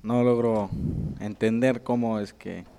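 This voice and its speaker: A man's voice: on the low side, steady tone, unhurried, gravelly, warm tone, clean tone. A man chatting casually as a football co-commentator.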